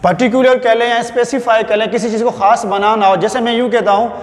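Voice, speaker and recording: A male English teacher with a Sindhi-accented Urdu, giving a classroom grammar lesson. He talks slowly, dictates words syllable by syllable and calls his students "my child". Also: very high voice, steady tone. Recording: echoey classroom with long reverb.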